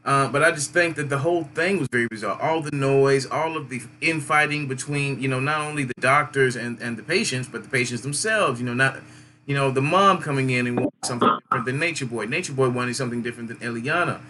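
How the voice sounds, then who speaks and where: A man's voice: medium pitch, quick pace, background noise. A man hosting a live call-in show, calling out caller numbers and giving his take on a stream. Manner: takes callers by number, talks over a stream.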